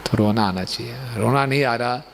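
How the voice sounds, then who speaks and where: A man's voice: mid-range voice, normal speed, vocal fry, a little hiss or hum. A man giving a sermon, explaining and telling stories, often checking in with rhetorical tag questions. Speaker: preacher.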